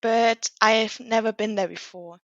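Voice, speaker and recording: A young woman in her late teens, a native German speaker, talks in English as a podcast guest in a casual conversational interview, modest and slightly hesitant. Her voice sits on the high side, steady and a little slow, in a dry, dull-sounding recording.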